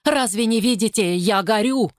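A woman's voice: a little high, moderate pace, no room sound, clean studio sound, pitched above the performer's own voice, natural voice. A woman voicing a frantic old woman in a storybook, shrieking and sobbing as she begs for help. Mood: frantic agony.

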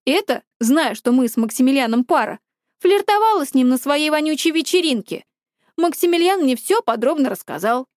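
Woman reading a jealous teen girl, cold and accusing, high voice, dry sound. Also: animated, moderate pace, a little mellow, no room sound. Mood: tense. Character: jealous, tense teenage schoolgirl.

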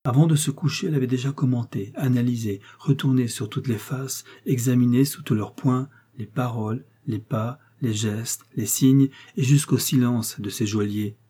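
A man narrating a classic novel as an audiobook, in a measured, dramatic reading. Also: medium pitch, fairly even intonation, dark tone, slightly rough.

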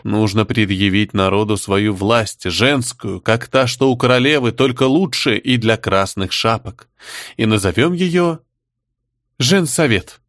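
A man's voice: fairly low pitch, fairly bright tone, dry recording, clean studio sound. A man voicing a bossy old clan matriarch. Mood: commanding. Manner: commanding, slow and deliberate. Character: bossy scheming clan matriarch, older woman.

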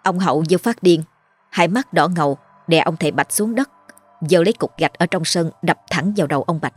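Husky woman narrating a horror story. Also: fairly low pitch, fairly quick. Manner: dramatic, vivid storytelling. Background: faint music.

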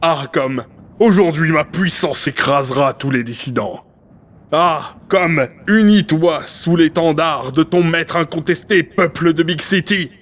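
An actor playing a pompous, megalomaniac city mayor who speaks in grand declamatory tones. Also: male voice, a little high, measured pace, fairly bright tone. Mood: grandiose. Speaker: mayor character. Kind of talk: amateur audio drama acting.

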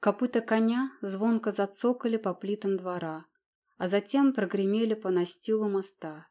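A woman reads a historical novel aloud with expressive, measured narration. Her voice sits in a middle register for a woman, steady and clear in its storytelling. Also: mid-range voice. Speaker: audiobook narrator. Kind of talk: dramatic audiobook narration.

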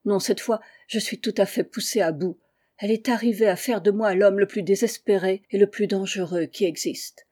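A woman's voice: medium pitch, normal speed, warm tone. A woman reading a classic story aloud in the first person, with tense, feverish delivery. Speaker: audiobook reader. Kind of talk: first-person literary narration.

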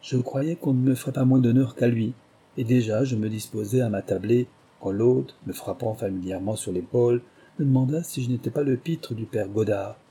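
A man reading a memoir aloud in measured, scripted storytelling narration. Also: mid-range voice, dark tone, breathy edge. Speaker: audiobook narrator.

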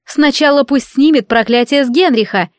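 A woman's voice: sits high, normal speed, no room sound, clean studio sound, pitched above the performer's own voice, natural voice. A woman doing an imperious sorceress mother. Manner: curt and imperious. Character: proud, sharp-tongued mother, a woman sorceress.

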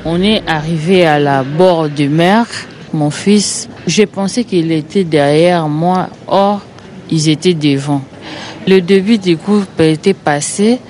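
A woman giving a deeply moved, halting personal testimony in a field interview. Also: darkish tone. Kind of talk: emotional testimony. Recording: noisy field recording.

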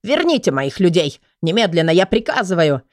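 A woman voicing a panicked, stubborn grey-haired male investigator who shouts and mutters frantically. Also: sits high, big pitch swings, brisk, dry recording, clean studio sound. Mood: frantic.

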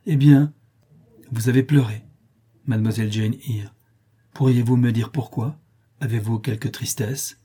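A brisk, kindly apothecary questioning a sick child, read by a man in a dark, mellow voice. He sounds a little husky and speaks plainly. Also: mid-range voice, steady tone. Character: kindly blunt male apothecary, middle-aged. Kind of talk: audiobook reading.

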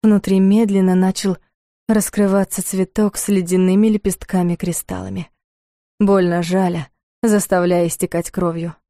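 Mellow-voiced woman reading an audiobook. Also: mid-range voice, level tone, normal speed, dry recording, clean studio sound. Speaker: audiobook narrator. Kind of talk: scripted audiobook narration.

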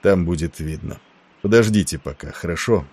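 A man voicing a tired, composed ship captain who speaks in measured commands. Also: low-pitched, a little mellow, husky. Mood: weary.

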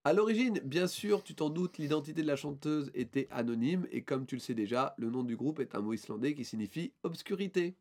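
Rambling French podcast man, slightly high voice. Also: expressive, fairly quick, hardly any pauses, a little mellow. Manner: rambling, hesitant, with many fillers and restarts. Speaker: podcast co-host presenting a band. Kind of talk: casual podcast chat.

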